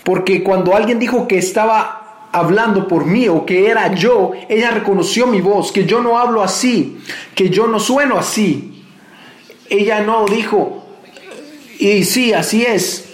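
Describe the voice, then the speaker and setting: Male pastor, high voice, earnest conversational sermon to his church. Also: unhurried, reverberant. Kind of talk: church message.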